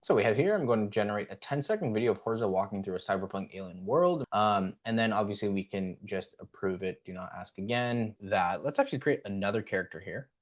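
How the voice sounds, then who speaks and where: A man hosting a casual software tutorial. He talks in a relaxed way and uses plenty of "um"s. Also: fairly low pitch, fast, hardly any pauses. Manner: relaxed, with frequent fillers. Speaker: tutorial host. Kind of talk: casual screen-recording tutorial.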